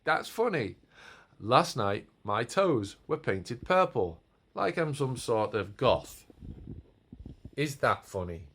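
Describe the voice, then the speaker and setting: A man's voice: mid-range voice, very animated, takes it slowly, a bit bright, slight background noise. A man in his forties giving a rambling, self-mocking home vlog with puns, filmed on a phone or camera in his decorated family home. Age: 40s. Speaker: vlogger.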